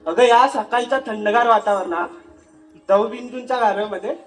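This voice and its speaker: A man playing a quarrelsome young village milkmaid in a folk stage comedy, loud and ready to pick a fight. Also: sits high, brisk, close to an everyday voice. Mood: dreamy. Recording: distant stage mic with music.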